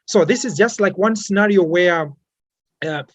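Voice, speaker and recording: A man's voice: high-pitched, moderate pace, no echo. A young man from Malawi, an environmental activist, answering interview questions hesitantly, with many fillers and repeated words.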